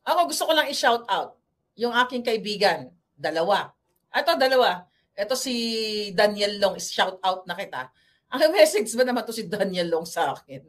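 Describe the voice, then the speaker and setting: A woman's voice: mid-range voice, very animated, normal speed, a bit bright. A woman from the Philippines giving a blunt, combative political commentary monologue, chatting freely and switching between Tagalog and English.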